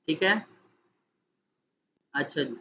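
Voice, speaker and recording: A man's voice: sharp tone, lo-fi sound, slight background noise. A man training teachers in an online class, explaining steps patiently and often checking that his listeners follow.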